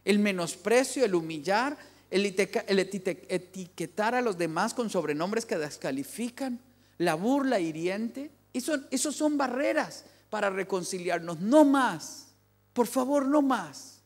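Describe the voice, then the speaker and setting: A man's voice: high-pitched, lively intonation, unhurried. A man giving an emphatic family sermon in a large church hall, repeating key phrases for weight. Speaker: family speaker.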